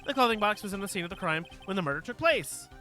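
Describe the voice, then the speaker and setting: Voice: medium pitch, lively intonation, quick pace, bright, forceful tone, faint music behind. A game streamer voicing an earnest, insistent young male defense lawyer pressing his case in a courtroom video game. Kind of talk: video game dialogue read aloud.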